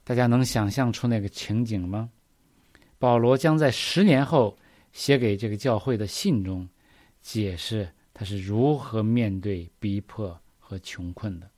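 Low-voiced man preaching a sermon. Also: measured pace, a little mellow, no room sound, clean studio sound. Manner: earnest, asks the listeners rhetorical questions. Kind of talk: sermon reading and explaining scripture.

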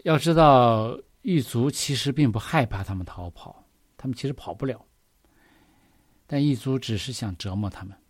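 A man's voice: medium pitch, normal speed, dry recording. A man preaching a sermon, reading scripture verses and explaining them earnestly, often asking the listeners questions.

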